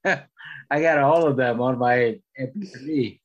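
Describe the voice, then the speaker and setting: A man from Sweden, chatting slowly and haltingly in a good-humoured way. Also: mid-range voice. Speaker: touring sound tech guest. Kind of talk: casual chat. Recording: dull lo-fi sound.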